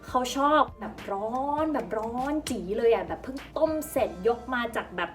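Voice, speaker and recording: A young woman from Thailand tells stories in a chatty, playful vlog. Her voice sits a bit high, and she slips into little imitations of English phrases. She is slightly distant from the mic, with faint background music. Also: expressive, normal speed. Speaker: former flight attendant vlogger. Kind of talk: casual storytelling vlog.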